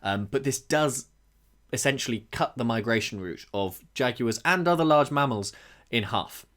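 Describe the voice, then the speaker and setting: A man's voice: medium pitch, lively intonation, fairly bright tone. Man, hesitant podcast co-host. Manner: thoughtful, often pauses with ums and restarts. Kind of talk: conversational podcast discussion.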